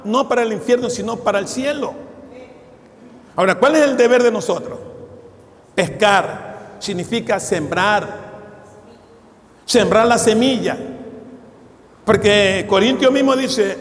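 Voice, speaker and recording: A man's voice: very high-pitched, fairly bright tone. A man, preaching a fervent sermon as a pastor and telling stories with quoted dialogue. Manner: fervent preaching, addresses listeners as brother. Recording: long hall reverb.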